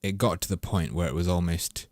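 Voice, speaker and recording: A man's voice: low voice, fairly quick, a little mellow, no echo, clean studio sound. A man chatting casually and wryly over his gameplay footage, rambling and swearing as he goes. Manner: rambling, wry and profane. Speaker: gaming commentator.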